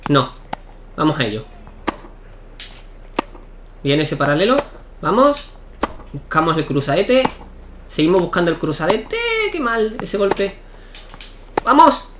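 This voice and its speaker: A young man giving excitable live commentary while playing a tennis video game, shouting at key points. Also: fairly high pitch, unhurried, pauses often, background noise. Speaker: gaming YouTuber.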